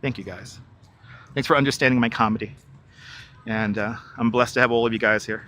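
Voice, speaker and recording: On a riverside walk streamed live, a middle-aged man from New York speaks briskly in a medium pitch with fairly even intonation and a slightly bright tone. He wears a wireless clip-on mic, chats with viewers, repeats himself, and reads and responds to their comments.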